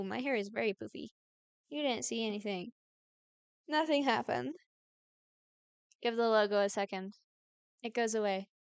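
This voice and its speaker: A woman's voice: a little high, fairly bright tone, clear, resonant tone, no room sound. A woman live streaming in casual chat, rambling, giggly and playfully argumentative, often correcting herself mid-thought.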